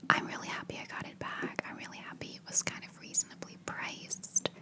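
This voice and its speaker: A woman whispering in a hushed voice, chatting casually in a rambling ASMR style. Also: fairly quick. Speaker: ASMR video creator.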